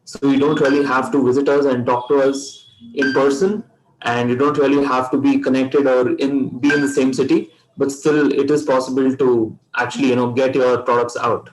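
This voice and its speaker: Halting Indian-accented man presenting. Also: mid-range voice, little pitch movement, a little hiss or hum, rough recording. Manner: halting, searching for words. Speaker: company presenter. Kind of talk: slide presentation.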